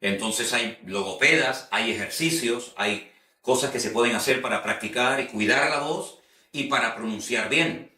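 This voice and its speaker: Earnest preacher in an echoey room. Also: male voice, mid-range voice, moderate pace, pushed and bright, distant mic. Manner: earnest, repeats phrases for emphasis. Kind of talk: teaching talk on preaching. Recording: roomy echo, speaker set back from the mic.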